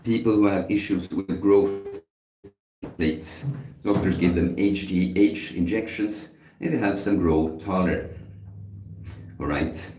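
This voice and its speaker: A man, his voice sitting a little low, talks casually to his livestream viewers. He muses aloud and answers their comments in a chatty way. Faint clicks can be heard in the background. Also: slow, pauses often, warm tone, a little hiss or hum. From Sweden. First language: Swedish. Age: 30s. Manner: musing, chatty, answers chat questions aloud. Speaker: livestream host.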